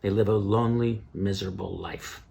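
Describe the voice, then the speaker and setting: Gravelly comedian hosting an awards show. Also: male voice, fairly low pitch, steady tone, brisk, darkish tone, slight background noise. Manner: storytelling, punchy delivery. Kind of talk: standup comedy.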